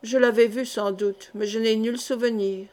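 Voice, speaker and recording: Jittery greedy old official, read by a woman, stammers a little, bit high voice. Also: fairly even intonation, normal speed, a little mellow, close to an everyday voice. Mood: vague. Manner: hesitant, stammering. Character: nervous, greedy older male royal intendant. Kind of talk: audiobook character reading.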